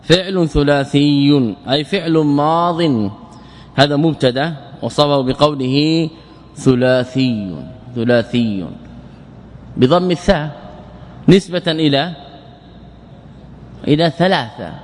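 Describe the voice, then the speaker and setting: A man teaching a lesson on Arabic morphology, slowly drilling verb patterns and quizzing his students. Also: on the high side. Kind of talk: classroom lecture explaining verse. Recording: hall reverb with faint ambience.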